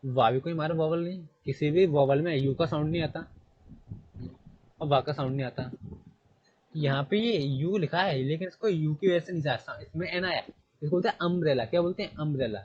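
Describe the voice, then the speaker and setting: Husky-voiced male teacher quizzing a class. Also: a little high, darkish tone, lo-fi sound. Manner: repeats points and quizzes students with quick questions. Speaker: English grammar teacher.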